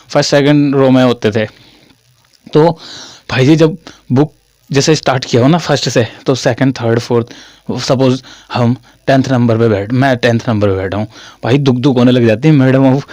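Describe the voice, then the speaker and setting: A man's voice: a little high, a little mellow, no room sound. A young man from Haryana teaching a classroom-style lesson in a chatty way, repeating his phrases and calling listeners "brother". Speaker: English teacher.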